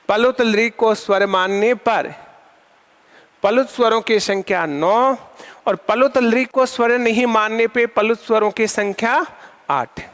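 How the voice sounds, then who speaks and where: A man's voice: extremely high pitch, fairly bright tone. A male Sanskrit teacher giving a lecture, asking questions and answering them himself while repeating key terms. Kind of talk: classroom lecture. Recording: long hall reverb.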